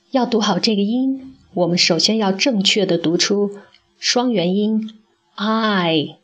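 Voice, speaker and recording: Slow, husky woman teaching pronunciation. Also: mid-range voice. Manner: slow, careful, demonstrates sounds for repeating. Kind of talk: scripted phonics lesson.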